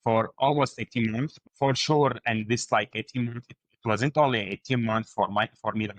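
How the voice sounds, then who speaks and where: Young man from Syria, halting English. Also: mid-range voice, steady tone, dry recording, rough recording. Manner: halting non-native English, agreeable, frequent fillers. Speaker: podcast guest. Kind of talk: casual interview chat.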